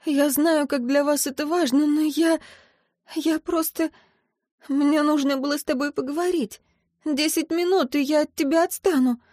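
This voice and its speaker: A woman's voice: high voice, steady tone, normal speed, darkish tone, dry recording, studio quality, voice pushed up, lightly acted. A woman voicing a teenage girl who cries and stammers through a phone call after a breakup. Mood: tearful pleading. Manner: stuttering between sobs. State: crying, stammering.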